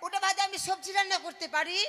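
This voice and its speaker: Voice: extremely high pitch, fairly even intonation, rapid-fire, pushed and bright. Someone playing a silly young bride-to-be. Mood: sheepish boasting. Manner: artless bragging, then owning up to each failure. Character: naive young bride-to-be, boastful and clumsy. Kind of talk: folk stage play acting.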